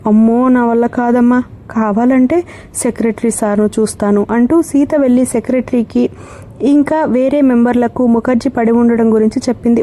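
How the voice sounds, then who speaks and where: A woman narrates a crime novel in a steady storytelling manner. Her voice sits fairly high but has a soft, mellow tone. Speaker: audiobook narrator.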